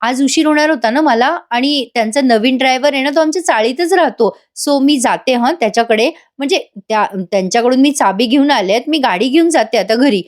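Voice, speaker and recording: A woman's voice: sits high, brisk, few pauses, close to an everyday voice. A woman voicing a scheming young woman who makes sweet-talking, evasive excuses.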